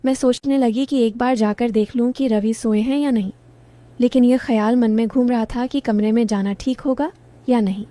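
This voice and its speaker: एक महिला पहली पुरुष में एक कहानी शांत ढंग से सुना रही है।. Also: female voice, fairly high pitch, fairly even intonation, normal speed, mellow, no room sound. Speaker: storyteller. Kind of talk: scripted first-person story narration.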